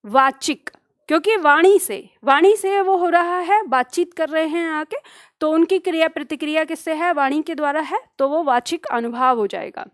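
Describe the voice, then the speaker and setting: A woman's voice: high-pitched, normal speed, no room sound, clean studio sound. A woman teacher explaining poetry verses line by line, asking questions and answering them herself. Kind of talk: Hindi literature lesson.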